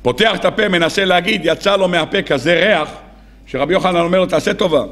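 A rabbi with a high voice preaches in an animated storytelling style. He acts out the dialogue as he goes, and his delivery stays lively throughout. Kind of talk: sermon storytelling.

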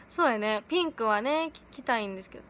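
A teenage girl with a chatting casually on a livestream from home, giggly and quick to laugh. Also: high-pitched, sing-song, bright, forceful tone, slight background noise. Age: late teens. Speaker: idol livestreaming to fans. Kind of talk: casual livestream chat reading comments. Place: at home in pajamas.

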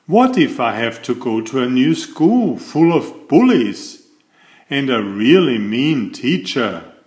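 In a faintly echoing room, an older male host reads a children's story aloud. His voice moves animatedly in pitch, and his phrasing is slow, careful, and full of expression.

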